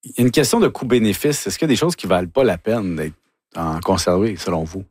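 A man with a Quebec French accent hosting an interview in a studio, asking questions in an animated, chatty way. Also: deep voice, fast talker, breathy edge, no echo. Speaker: radio host. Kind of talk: interviewing a guest.

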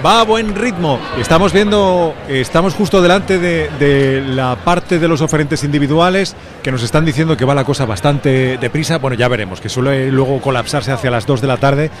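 A man's voice: a little high, a crowd in the background. A man, a radio reporter giving a live report from an outdoor event in a city square. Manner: brisk broadcast delivery.

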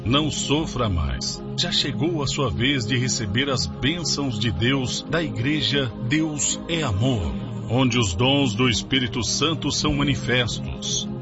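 Slow solemn male radio announcer. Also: mid-range voice, lively intonation. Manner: solemn, inviting proclamation. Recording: dull lo-fi radio with loud music.

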